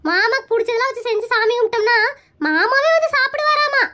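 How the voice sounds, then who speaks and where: A woman's voice: very high-pitched, fast talker, pushed and bright. A woman voicing a cheeky young daughter-in-law in a cartoon skit, teasing and sarcastic.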